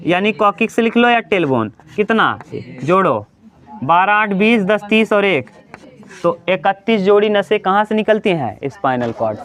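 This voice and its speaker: Male teacher, high clear voice, question-and-answer lecturing. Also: fairly bright tone. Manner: asks the class questions and answers them himself. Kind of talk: classroom lecture.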